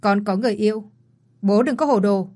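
A woman's voice: mid-range voice, a little fast, darkish tone, natural voice. A cold, arrogant rich young man, read by a woman. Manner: curt and cold.

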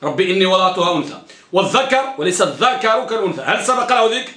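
High, bright male teacher quizzing a class. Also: lively intonation, rapid-fire, echoey room. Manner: quizzes students, repeats key terms. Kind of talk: classroom grammar lesson. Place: classroom with students.

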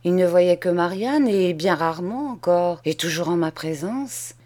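A woman reading aloud and voicing a greedy, harsh old woman who scolds a boy in sharp, shrill outbursts. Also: lively intonation, unhurried, close to an everyday voice. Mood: anxious scheming. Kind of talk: audiobook character reading.

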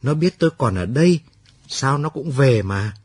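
A calm, stubborn elderly village mother, read by a man in a late-night radio story. She speaks steadily and plainly, her husky voice rising and falling in a lively way. The sound is dry and close. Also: medium pitch, moderate pace, no echo. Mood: calm, resolute.

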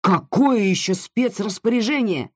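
A reader voicing a shouting male hospital chief who barks orders, in a dry recording. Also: mid-range voice, big pitch swings, measured pace, husky, no room sound, voice pushed up. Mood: commanding. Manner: brusque, barking orders.

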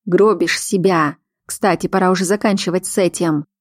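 A woman's voice: fairly low pitch, fairly even intonation, normal speed, darkish tone, no echo, studio quality, lightly acted. A woman reading the part of a domineering male werewolf pack leader, curt and commanding in an audiobook. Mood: cold. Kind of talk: audiobook character voice.

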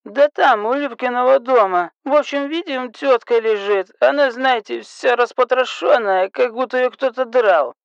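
A man voicing a drunk, hiccuping woman who calls the police, shrill, bossy and slurring. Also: moderate pace, creaky, hardly any pauses, clear, resonant tone, no room sound, dull audio. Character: drunk, hiccuping, rude middle-aged woman caller.

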